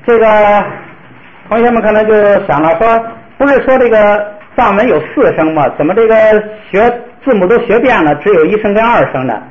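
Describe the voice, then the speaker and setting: Lively male teacher in an echoey classroom. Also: high voice, normal speed. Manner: patient, explains step by step with many fillers. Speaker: language teacher. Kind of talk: classroom lecture. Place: classroom with students. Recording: roomy, dull lo-fi classroom recording.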